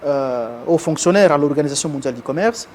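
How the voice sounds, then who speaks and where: A man from Congo, a guest in a televised interview, speaking in formal, measured phrases and often repeating himself. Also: a little high, animated, darkish tone, a little hiss or hum. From Congo (DRC).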